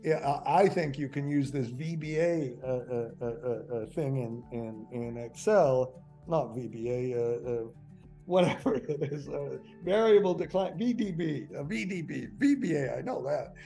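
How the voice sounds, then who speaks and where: An older man giving a webinar finance lecture. He rambles, stumbles over fillers and corrects himself, and gets excited now and then. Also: medium pitch, measured pace, creaky, soft background music. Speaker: finance instructor.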